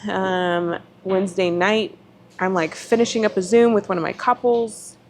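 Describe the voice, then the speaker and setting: A woman's voice: mid-range voice, fairly even intonation, moderate pace, slight background noise. A woman on a podcast telling her story openly and emotionally, acting out past conversations and cursing now and then. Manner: frank, occasional swearing. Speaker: podcast guest. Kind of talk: candid personal storytelling.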